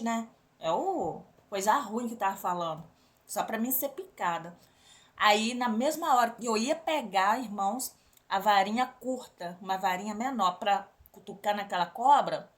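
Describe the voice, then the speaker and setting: A woman with a Brazilian accent telling a religious testimony to a congregation, often turning to the listeners as brothers and sisters. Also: on the high side. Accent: Brazilian Portuguese. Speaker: church member giving a testimony.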